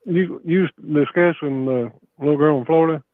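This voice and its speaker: A man's voice: on the high side, measured pace. Appalachian man on a phone line. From Kentucky, USA. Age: middle-aged. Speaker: caller. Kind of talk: casual chat. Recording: muffled, band-limited phone call.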